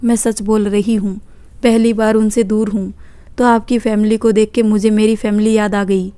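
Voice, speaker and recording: A woman's voice: medium pitch, flat delivery, moderate pace, warm tone, clean tone, dry recording, lightly acted. A woman reading the part of a frightened, timid young woman in a spoken story, hesitant and apologetic.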